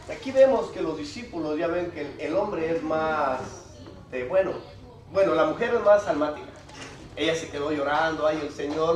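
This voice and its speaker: A man preaching a sermon, explaining scripture conversationally and reading Bible passages aloud to the congregation. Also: fairly high pitch. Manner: reads Bible passages aloud with rising emphasis. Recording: echoey hall from far off with congregation noise.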